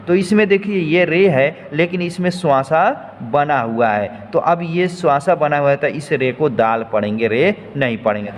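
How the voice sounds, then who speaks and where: A man teaching how to write and read Urdu letters, explaining step by step and repeating each point patiently. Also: fairly high pitch. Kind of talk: slow step-by-step lesson. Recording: faint noise, long hall reverb.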